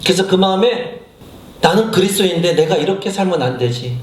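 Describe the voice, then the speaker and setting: High-pitched preaching man in an echoey church. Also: expressive, a little fast. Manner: impassioned, acts out his own prayers with rising pitch; addresses the congregation directly with questions. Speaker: senior pastor. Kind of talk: sermon. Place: church sanctuary.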